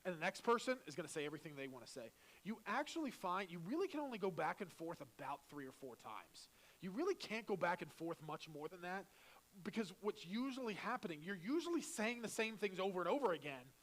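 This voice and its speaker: A man preaching as a pastor at a marriage seminar, candid and joking, dropping to quiet asides and rising to loud bursts. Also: sits high, very animated, fairly quick, rough recording. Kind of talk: sermon.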